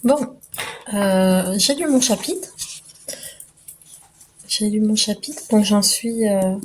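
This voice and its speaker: A woman's voice: medium pitch, slow pace. A woman chatting casually in a home vlog, rambling with lots of fillers and restarts. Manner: chatty, many fillers and restarts, laughs easily. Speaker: vlogger.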